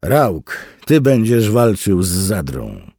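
A man's voice: lowish voice, very animated, slow, mellow, slightly rough, dry recording, studio quality, voice pushed up, heavily acted. A man voicing a grim, stern male fencing master who gives curt commands in a storybook reading.

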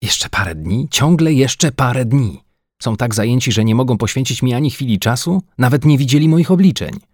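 A man's voice: lowish voice, normal speed, darkish tone, dry recording, clean studio sound. A man voicing an agitated, frightened Earthman scientist in a science-fiction audiobook, pleading and near-hysterical. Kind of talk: audiobook character voice.

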